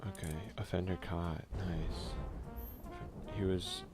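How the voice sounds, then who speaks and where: A man hosts a casual ASMR let's play as a gaming video host, chatting informally, muttering slangy asides, and reading game text aloud. His voice is low-pitched, level, and slow. Music plays behind him.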